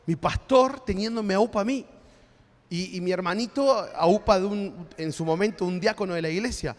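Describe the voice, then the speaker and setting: Preaching a sermon at normal speed, a male pastor with an Argentine Spanish accent keeps a relaxed, conversational tone and often tacks on tag questions to check in with listeners. His voice is high for a man, and the church hall adds a long reverb.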